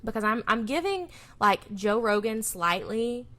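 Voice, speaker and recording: A woman's voice: fairly high pitch, expressive, measured pace, pushed and bright. Casting: young woman, salon owner co-hosting a chatty podcast, rambling delivery. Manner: rambling, filler-heavy. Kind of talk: casual chat.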